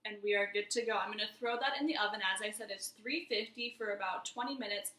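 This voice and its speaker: Medium in pitch and quick in pace, this woman's voice has a bright, forceful tone. She's a cooking vlogger in her twenties, casually chatting viewers through each step of a dish at home, recorded with roomy kitchen echo.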